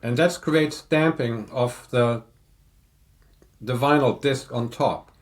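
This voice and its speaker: An older man in a casual podcast chat, explaining audio equipment in a measured, technical way. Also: medium pitch. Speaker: audio reviewer guest.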